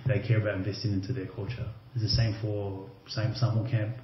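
A former rugby league player talks casually as a podcast guest in a lowish, level voice at normal speed. He's loose and conversational, leaning heavily on fillers like "you know" and "like." The remote audio is roomy and slightly dull, with slight background noise.

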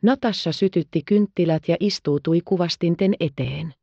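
Woman audiobook narrator, calm and measured, mellow low voice, dry dull recording. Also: creaky, no room sound. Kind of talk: scripted narration.

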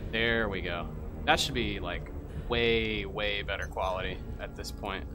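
A man's voice: on the low side, steady tone, a little slow, over music. A young man streaming a VR game, chatting casually and swearing with his viewers over a headset mic. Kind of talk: casual live-stream chat.

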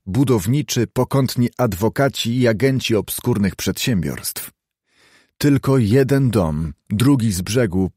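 Guy reading a classic audiobook, lowish voice, measured, dry close sound. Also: mellow, no echo. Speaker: audiobook narrator. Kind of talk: scripted literary narration.

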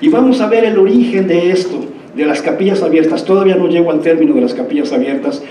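A man's voice: on the high side, fast talker, warm tone, a little hiss or hum. A Mexican man in his fifties giving a lecture, digressing into anecdotes and often checking in with his listeners. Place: lecture hall. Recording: roomy hall, mic far off.

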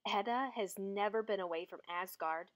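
A woman with a medium-pitched voice reads a children's picture book aloud, telling the story in an expressive, deliberate manner.

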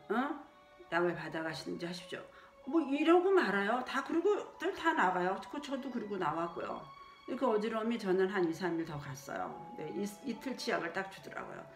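A woman's voice: lowish voice, far from the mic. Indignant woman in an echoey room. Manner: indignant storytelling, acting out quoted speech. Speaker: daycare worker. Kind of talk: personal testimony. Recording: roomy echo with faint music.

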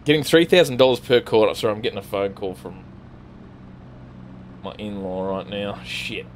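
A man's voice: on the low side, fairly even intonation, normal speed, slight background noise. A man with an Australian accent chatting casually to viewers while playing a farming game, rambling and swearing freely. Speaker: gaming streamer. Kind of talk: casual let's-play commentary while driving.

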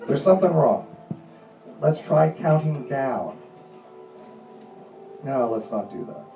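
A middle-aged man hosting a comedy hypnosis show, giving commanding, repetitive suggestions in deliberate phrases. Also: medium pitch, animated, vocal fry, warm tone, recorded from a distance. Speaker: stage hypnotist and host. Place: small indoor comedy club stage. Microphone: handheld microphone through PA, distant camera. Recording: echoey club PA recorded from audience, music.

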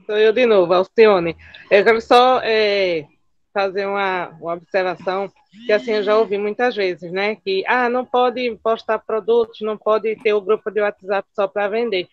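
A woman's voice: mid-range voice, moderate pace, no room sound. An earnest Brazilian woman speaks over a dull, dry call connection. She sounds grateful and sincere as she shares her thoughts. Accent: Brazilian Portuguese. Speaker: participant.

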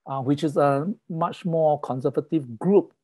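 A man's voice: fairly high pitch, measured pace, a little mellow. A middle-aged man from Singapore, a guest on a video call, talking about his background in a friendly way with frequent fillers, through a wired earphone mic. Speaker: guest, professor of sacred music.

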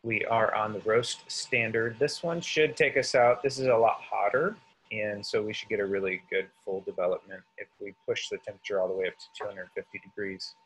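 A man's voice: fairly low pitch, steady tone, fairly quick, fairly bright tone, slight background noise, rough recording. A man teaching coffee roasting in a casual live demonstration, thinking aloud and reading numbers off as he works. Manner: thinking aloud, talks through numbers while working.

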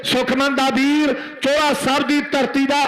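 Frantic, echoing, very high Punjabi male commentator. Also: level tone, moderate pace, a bit bright. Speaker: kabaddi match commentator. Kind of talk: rural sports commentary. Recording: echoing public-address sound.

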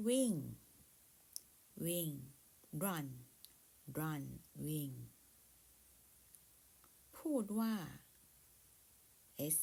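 Woman, teacher, slow deliberate pace, spells words letter by letter, repeats each word, polite and soft-spoken. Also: fairly low pitch. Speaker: English teacher. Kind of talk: slow word-by-word vocabulary lesson.

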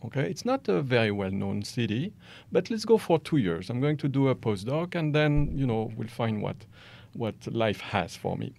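The speaker is a French-accented guest on a podcast, a founder in his forties from France. Seated in an armchair on a small, dark studio set with a boom-stand studio mic, he talks at normal speed in a medium-pitched voice with vocal fry. He gestures animatedly with both hands and hesitates with fillers. No room sound is audible.

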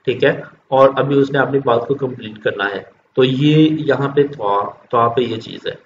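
A man's voice: medium pitch, moderate pace. A man teaching children a Quran lesson, patiently explaining step by step and repeating his points. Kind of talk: recorded religious lesson for children. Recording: dull lo-fi recording with faint noise.

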